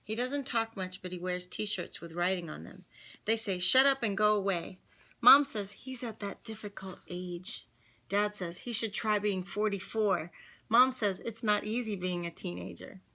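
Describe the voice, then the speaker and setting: A woman reads a children's picture book aloud for kids at home, lively and chatty with little laughing asides. Her voice is bright and forward, sitting in a middle pitch. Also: measured pace. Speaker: singer reading a children's book online.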